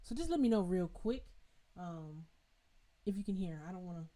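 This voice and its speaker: Warm in tone and lively in intonation, a woman with a fairly low voice runs a piano lesson over live stream at a normal pace. She addresses viewers casually and directly, with loose fillers and restarts. Her setup is a home streaming mic with adjustable level.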